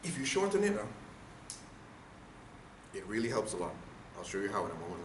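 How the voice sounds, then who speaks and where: On the low side and very animated, this man talks briskly while leading a speaking workshop. The trainer lectures with emphasis and questions the room directly; there's echo and faint noise in the recording.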